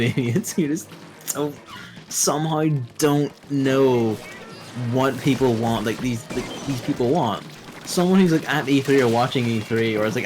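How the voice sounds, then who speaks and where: Sarcastic, sweary man chatting over games. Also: medium pitch. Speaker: co-host. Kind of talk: casual gaming chat while playing. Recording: game music playing behind.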